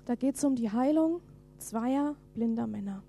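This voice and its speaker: Animated high-voiced woman preaching. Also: unhurried, vocal fry. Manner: animated, reads scripture dramatically, drops to whispers. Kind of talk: sermon.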